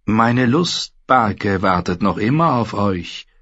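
A man voicing a rich male merchant who speaks in an ornate, coaxing way, higher than his own voice. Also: expressive, slow, a bit bright, highs cut off, full character voice. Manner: ornate, persuasive.

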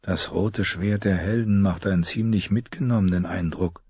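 A man's voice: low-pitched, fairly even intonation, moderate pace, slightly rough, no echo, dull audio. A man voicing a brooding, doubtful knight. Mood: quiet doubt. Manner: quiet, inward musing.

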